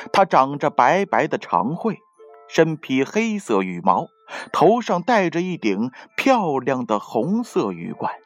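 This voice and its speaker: A woman narrating a myth in scripted storybook style, expressive and swooping in her delivery. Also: rumbling low. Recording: dry close studio voice with soft music.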